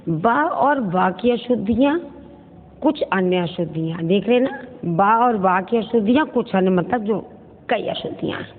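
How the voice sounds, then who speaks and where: Animated and mid-range in voice, a woman school teacher records an online grammar lesson for children, slowly and carefully repeating each word to set wrong forms against right ones. She addresses the pupils fondly as children, and the sound is tinny, phone-like and echoey, with long reverb and faint noise.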